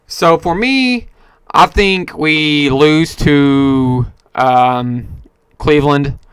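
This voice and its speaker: Rambling man with a smooth, dry voice. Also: fairly high pitch, very slow, no echo. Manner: rambling, lots of fillers and self-corrections. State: hiccups. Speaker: podcast host. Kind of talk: casual solo sports talk.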